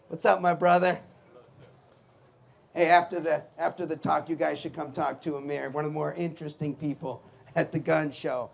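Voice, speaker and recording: Slow, gravelly high-voiced man. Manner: blunt, emphatic, hammers key phrases. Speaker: criminal defense lawyer. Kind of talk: public talk to a live audience. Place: gun show.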